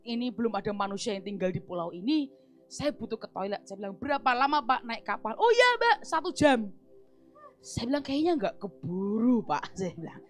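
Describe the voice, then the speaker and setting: A woman pastor preaching at a church service, telling a lively personal story, acting out the dialogue and laughing often. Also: on the high side. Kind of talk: storytelling sermon.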